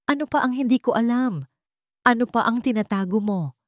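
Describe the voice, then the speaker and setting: A woman voices a betrayed young fiancée in an audio love drama, sounding wounded yet resolute, with bitter anger and an emotional, confrontational delivery. Her natural voice is pitched fairly high, above her own usual range, at a normal pace. The studio-quality recording has no room sound.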